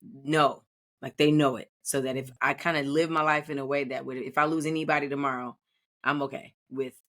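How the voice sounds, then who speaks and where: A woman's voice: very deep voice, steady tone, fairly quick, fairly bright tone. Reflective woman in her thirties. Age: 30s. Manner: reflective, rambling with many restarts. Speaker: podcast co-host. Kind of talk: casual podcast chat.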